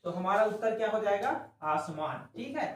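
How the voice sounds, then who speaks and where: A man teaching a class for exam students, his high voice ringing through a very echoey room. He is some distance from the mic. He talks slowly through each step, asking questions and answering them himself. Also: expressive, fairly bright tone. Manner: drawn-out explaining. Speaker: reasoning teacher.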